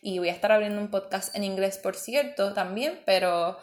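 A woman's voice: medium pitch, normal speed. A woman hosting a casual solo podcast, chatting and slipping English words into her talk. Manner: chatty, mixes in English words, many fillers. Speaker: podcast host and coach.

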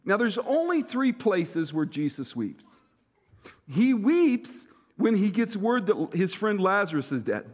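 A male pastor with a notably high voice tells his sermon like a story, circling back and repeating key phrases for weight. His voice carries a long hall reverb. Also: big pitch swings, slow. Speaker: senior pastor.

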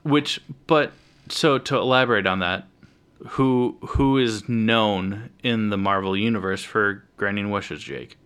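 A man co-hosting a casual podcast about superhero films, excited and jokey, swearing casually. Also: fairly low pitch, a little slow, clean tone. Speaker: podcast co-host.

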